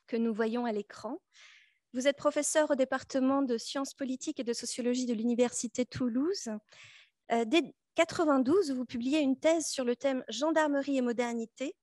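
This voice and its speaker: A woman acts as moderator, reading a prepared formal introduction in a measured, articulate way. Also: high voice, darkish tone, no echo, clean studio sound.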